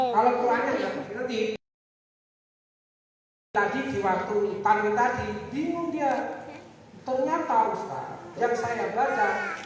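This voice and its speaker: A woman teaching teachers a recitation method, drilling them in call-and-response with sing-song prompts. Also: mid-range voice. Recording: echoey hall, far from the mic, crowd behind.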